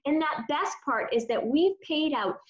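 A woman's voice: high-pitched, lively intonation, unhurried, muffled recording. A woman giving an upbeat, chatty walkthrough of a shopping website over a screen share, with many "um"s and "you know"s. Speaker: online shopping presenter.

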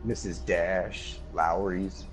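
A man's voice: low voice, fairly even intonation, takes it slowly, faint music behind. A man co-hosting a gaming channel, chatting casually and rambling with restarts and easy laughs. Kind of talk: casual chat. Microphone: headset or desk mic.

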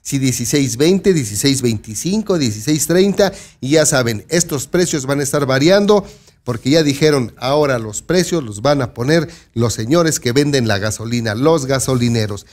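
A man's voice: mid-range voice, expressive, moderate pace, darkish tone. A man hosting a local news commentary show, talking straight to his listeners and warning them to be careful. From Mexico. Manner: conversational, addresses listeners directly with warnings. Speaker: news host.

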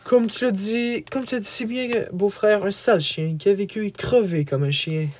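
A man playing a wounded knight in the thick of battle, mocking and gruff, his voice jumping higher than the narration. He trades grim jokes with his comrade in a storybook reading. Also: normal speed, darkish tone, a little hiss or hum, natural voice. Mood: scornful. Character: wounded, wry male Breton knight.

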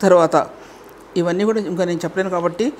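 A woman's voice: fairly low pitch, fairly even intonation, quick pace, a little mellow, slight background noise. A woman preaching a sermon and closing in prayer, earnest and repeating key phrases for emphasis.

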